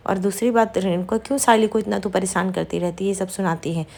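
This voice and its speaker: A woman's voice: mid-range voice, fairly even intonation, a little fast, gravelly, a little mellow. A woman voicing a stern older father of the household from a TV serial, who reproves the family.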